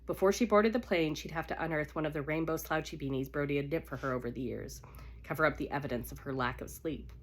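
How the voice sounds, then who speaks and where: Speaking low-pitched and quick, a live romance reader with a cold-stuffed nose reads fiction aloud at home beside a fire, in a relaxed, unedited way.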